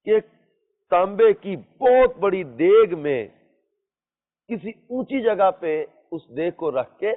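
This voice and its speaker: A man with a high voice gives a religious lesson built on moral stories, repeating phrases emphatically and posing rhetorical questions to his audience. It's captured in muffled, lo-fi audio with the long reverb of a hall.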